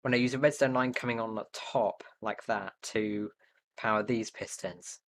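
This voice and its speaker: A man's voice: on the low side, fairly even intonation, normal speed, a bit bright, a little hiss or hum. A young man streaming live, thinking aloud as he builds, hesitant and muttering to himself with many fillers. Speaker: livestreamer.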